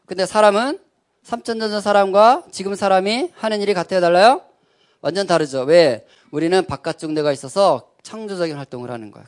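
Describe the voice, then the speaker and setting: Male speaker, slightly high voice, animated sermon delivery built on question-and-answer with the audience. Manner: keeps asking the audience questions and answering them; conversational and animated. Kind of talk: sermon-style talk.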